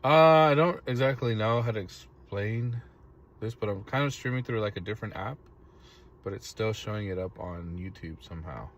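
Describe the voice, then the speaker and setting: A man chatting casually on a live stream from inside his parked car, telling a story in a relaxed way and swearing freely. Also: on the low side, moderate pace. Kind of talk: casual live-stream chat reading comments.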